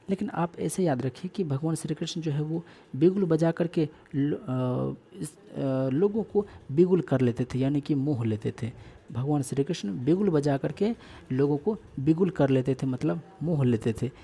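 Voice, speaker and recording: A man's voice: on the high side, gravelly, mellow, slightly rough. A man teaching English vocabulary for exams, repeating key words and giving memory tricks. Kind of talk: exam-prep vocabulary lesson with memory tricks.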